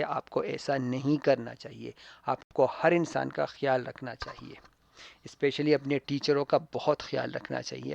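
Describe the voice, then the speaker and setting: A man teaching an English textbook lesson to pupils, with a Pakistani accent, drilling words slowly and repeating each sound loudly. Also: medium pitch, gravelly, no room sound.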